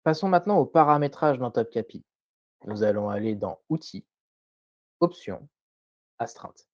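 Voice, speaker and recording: A man presenting a scripted tutorial voice-over in a measured, didactic way, carefully enunciated. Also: medium pitch, animated, darkish tone, no room sound, highs cut off.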